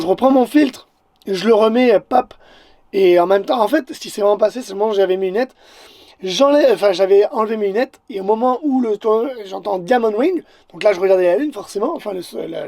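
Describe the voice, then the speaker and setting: High, gravelly Québécois man, excitable. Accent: Québécois French. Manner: excitable, stammers and repeats words. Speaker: photographer and vlogger. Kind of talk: casual vlog narration to the viewer.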